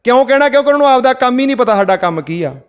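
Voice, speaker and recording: High-voiced man giving a village speech. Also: expressive, rapid-fire, clean tone. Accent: Punjabi, Malwa. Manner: rhetorical questions, tells folk parables. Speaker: activist speaker. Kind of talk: village public address.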